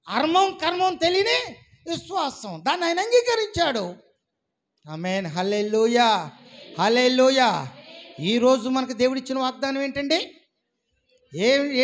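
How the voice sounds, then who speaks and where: High-voiced pastor preaching with animated storytelling. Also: male voice. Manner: animated storytelling, acts out a villager woman's words, calls out to the congregation. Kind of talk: sermon.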